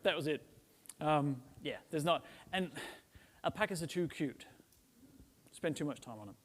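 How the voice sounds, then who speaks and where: A man's voice: fairly high pitch, expressive, moderate pace. A middle-aged man from Denmark giving a casual, joking conference talk to a live audience, often tagging "right?" onto his points. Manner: chatty and joking, with frequent "right?" tags and "um" fillers. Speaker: conference speaker. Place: large conference hall. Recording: reverberant conference hall.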